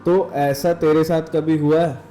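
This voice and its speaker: A man's voice: on the high side, level tone, a little slow, mellow, soft background music. Chatty podcast host, man. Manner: chatty, laughs often, friendly questions. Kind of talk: casual podcast chat.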